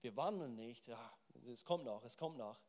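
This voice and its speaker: A man's voice: mid-range voice, expressive, moderate pace, a little mellow. A man preaching a sermon. He speaks emphatically, often repeats words while searching for his phrasing, and puts questions directly to his listeners.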